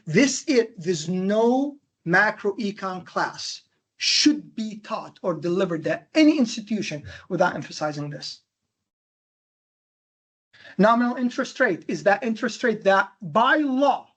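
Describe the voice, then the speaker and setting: A man from Jordan with a Jordanian accent giving a classroom lecture, animated and emphatic, firing questions at his students. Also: high voice. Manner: animated, emphatic, quizzing the audience with rhetorical questions. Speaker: university lecturer.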